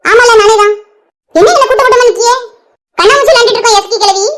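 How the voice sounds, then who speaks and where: A woman's voice: very high voice, fast talker, fairly bright tone. A woman voicing a cheeky, stubborn old village grandmother in a cartoon, with a Tirunelveli Tamil accent. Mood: teasing. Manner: teasing, stubborn, chatty.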